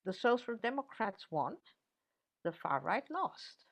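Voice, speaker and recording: An older woman professor answering interview questions in a measured way, with frequent fillers and restarts. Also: medium pitch, very animated.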